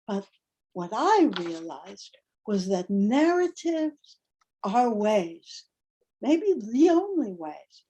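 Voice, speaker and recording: An older woman lecturing in an online academic seminar, measured and deliberate. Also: medium pitch, dark tone, rough recording. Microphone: video call.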